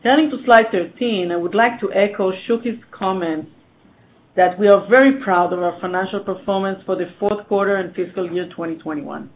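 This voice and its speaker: A narrow, phone-like line with faint rumbling noise carries a finance executive's voice. The delivery is formal and stiff, read from a prepared script as on an earnings call. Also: normal speed. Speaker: finance executive presenting quarterly results.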